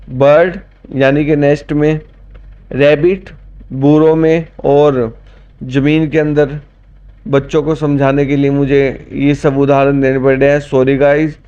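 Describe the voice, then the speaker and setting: A man with an Indian accent teaching children, spelling words out letter by letter in a slow, patient way. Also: fairly high pitch, warm tone, clean tone. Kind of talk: children's lesson. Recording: dull lo-fi audio.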